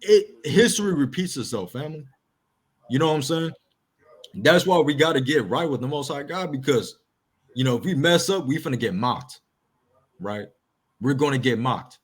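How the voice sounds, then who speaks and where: Husky, slangy Bible class teacher. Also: male voice, on the high side, animated, moderate pace, pauses often. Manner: informal, slangy, repeats words while thinking. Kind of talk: casual Bible study teaching.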